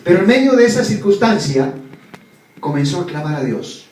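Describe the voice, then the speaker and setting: A male preacher telling a dramatic story in a sermon, moving from hushed tones to loud ones. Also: sits high, sing-song, normal speed. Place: church. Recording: echoey church from a distant mic, faint background noise.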